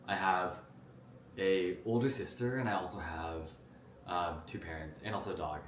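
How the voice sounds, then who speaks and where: A young man from New Jersey talks into a camera in a loose, rambling way, full of fillers and restarts. His voice sits very low. The room rings with echo, and a faint hiss lies underneath. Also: fairly even intonation, moderate pace. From New Jersey, United States. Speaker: vlogger. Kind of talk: casual talk to camera about his life. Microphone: camera mic.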